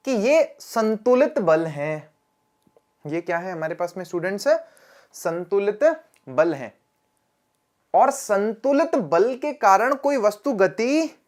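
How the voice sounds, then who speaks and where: A man's voice: high-pitched, darkish tone. A man teaching a science lesson on video in a chatty way, often putting questions to his students. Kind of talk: classroom lecture video.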